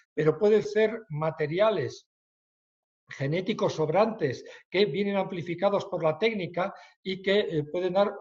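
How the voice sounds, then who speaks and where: Spanish-accented guy explaining medical stuff, kinda high voice, lots of ums, muffled audio. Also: a little mellow. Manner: hesitant, many fillers, then quick explanations. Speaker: medical expert answering questions. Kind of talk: webinar Q&A.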